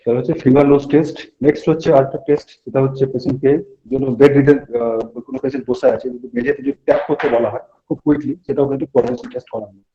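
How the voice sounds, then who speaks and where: A man's voice: medium pitch, steady tone, rapid-fire, hardly any pauses, dark tone. A man teaching a clinical examination at a hospital bedside, explaining tests to students and giving instructions to a patient. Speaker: medical lecturer. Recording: dull lo-fi recording.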